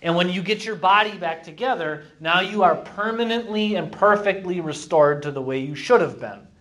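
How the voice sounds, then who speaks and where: Animated man teaching a Bible class. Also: high voice. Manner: animated, reads scripture slowly and emphatically, asks rhetorical questions.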